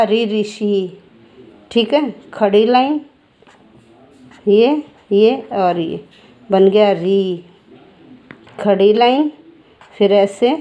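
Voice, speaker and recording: A woman teaches handwriting, naming each stroke as she writes it. She speaks slowly and calmly, repeating the steps patiently, and her pitch sits in an ordinary middle range. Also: lo-fi sound. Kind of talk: handwriting lesson.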